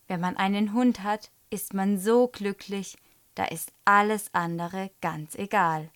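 A woman reads a children's story aloud at an unhurried, deliberate pace, in a mid-range voice. Her reading is lively, and she recommends the book to young readers. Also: medium pitch.

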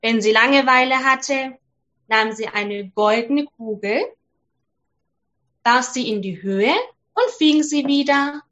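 Woman storyteller for kids: high, slow, gentle, on a dull lo-fi recording. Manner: slow, gentle and clearly spoken for children. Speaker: storyteller for children. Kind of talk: reading a fairy tale aloud.

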